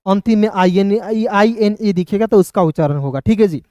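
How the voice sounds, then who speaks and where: A man's voice: high voice, moderate pace, a little mellow, dry recording, clean studio sound. A man giving a recorded video lesson as a reading teacher, spelling words out letter by letter and patiently repeating filler phrases. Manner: patient and repetitive, often adding filler phrases. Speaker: English teacher.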